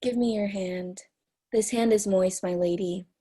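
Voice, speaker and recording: A young woman, a student actor, playing a jealous and suspicious male general in an amateur Shakespeare scene, speaking in a measured, subdued way. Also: medium pitch, fairly even intonation, mellow, lightly acted. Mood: probing.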